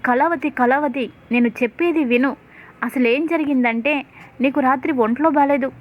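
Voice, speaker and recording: A woman's voice: high voice, normal speed, lightly acted. A woman voicing a young husband who lectures and then pleads with his wife. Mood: pleading. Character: young husband, proud and stubborn. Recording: tinny phone-like sound.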